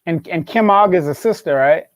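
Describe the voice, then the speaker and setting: A panelist on a casual political talk show, speaking in a middle pitch. The speaker halts and repeats words before rushing into quick asides, recorded dry and close. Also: dry recording.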